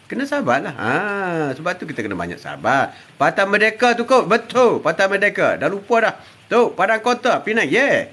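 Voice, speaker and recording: The voice is high-pitched, bright and forceful: an older Malaysian Malay-accented man chatting casually as a live-stream host. He reads viewer comments, greets viewers by name and laughs as he teases them.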